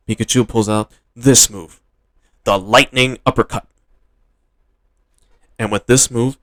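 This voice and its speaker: A man's voice: fairly low pitch, fairly bright tone, dry recording. A man casually narrating a fan-made story, retelling events in a loose, chatty way. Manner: casual, retelling with filler phrases.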